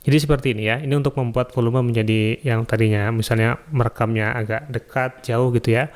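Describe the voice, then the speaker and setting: Man calmly explaining software step by step. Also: mid-range voice, quick pace. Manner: relaxed step-by-step explaining with frequent "ya" and "eh". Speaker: YouTube tutorial host. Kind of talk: screen-recorded software tutorial. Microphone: studio mic through an audio interface.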